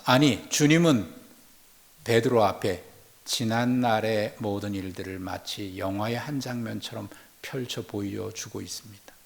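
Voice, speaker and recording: A male pastor delivering a sermon, retelling a story slowly and reflectively. He swings between hushed, near-whispered passages and loud, emphatic lines. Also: fairly low pitch.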